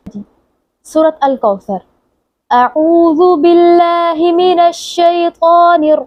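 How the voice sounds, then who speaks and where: A woman teaching tajweed, patiently explaining each sound and reciting the words slowly and drawn out. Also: high voice, no room sound, highs cut off. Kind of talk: tajweed lesson with slow recited examples.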